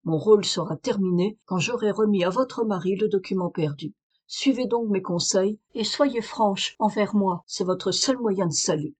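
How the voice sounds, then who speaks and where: A woman reader voicing a calm, authoritative male detective in a French audiobook, measured and firm. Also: mid-range voice, close to an everyday voice. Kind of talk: audiobook reading of a detective story.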